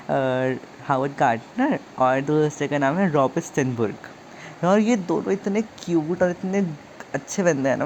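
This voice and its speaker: A woman's voice: sits low, a little mellow, slight background noise. A woman teaching psychology in a chatty, playful way, acting out little scenes to explain ideas. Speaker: psychology tutor. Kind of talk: casual online lesson.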